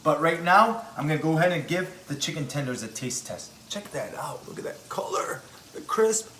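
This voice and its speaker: An enthusiastic man hosts a home cooking video, his voice sitting a little high. He talks straight to his viewers in an upbeat, eager way. Oil sizzles softly in a pan behind him in the kitchen. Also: expressive, fairly quick, a little hiss or hum. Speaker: cooking show host. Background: oil frying and sizzling.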